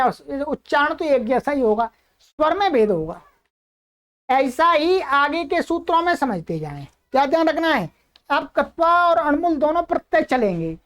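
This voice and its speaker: A woman teaching Sanskrit grammar in a recorded lesson, explaining step by step, asking and answering her own questions and reading forms out slowly. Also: high voice. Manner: reads Sanskrit forms slowly and repeats them.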